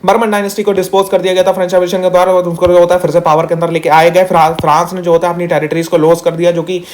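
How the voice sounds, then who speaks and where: Young man, slightly high voice, quick friendly exam-prep tutor who mixes English into Hindi. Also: flat delivery, darkish tone. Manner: chatty, calls students "meri jaan" and "bhaiya", mixes English; talks fast on purpose. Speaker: teacher. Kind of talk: fast exam-revision lesson.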